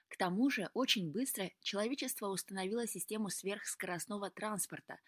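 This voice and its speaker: A woman narrating a story as an audiobook, with a mid-pitched voice and an even, storytelling delivery. The sound is close and dry, with no room echo.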